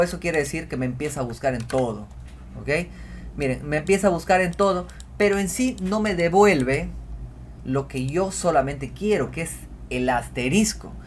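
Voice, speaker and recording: A man hosting a screen-recorded software tutorial, talking chattily as he clicks through, often repeating himself and saying "miren". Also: a little high, slight background noise. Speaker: spreadsheet tutorial host.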